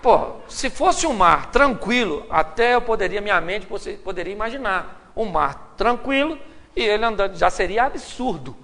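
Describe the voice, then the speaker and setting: A Brazilian Portuguese-accented pastor delivers a sermon before a crowd, playful and animated, acting out every quote. His voice sits very high with a gravelly edge. The sound carries the long reverb of a large hall. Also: moderate pace, slight background noise. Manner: humorous, animated storytelling with acted quotes.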